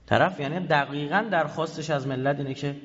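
Fiery male speaker, fairly high voice, sarcastic, rising to loud bursts, dull hall recording. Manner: heated, sarcastic, swings between loud bursts and low asides. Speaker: head of an institute. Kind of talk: animated talk to an audience. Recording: dull lo-fi audio in a reverberant hall.

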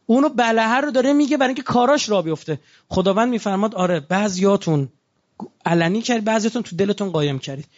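A man's voice: high-pitched, expressive, highs cut off. A man preaching a religious sermon in a conversational way, asking his listeners rhetorical questions.

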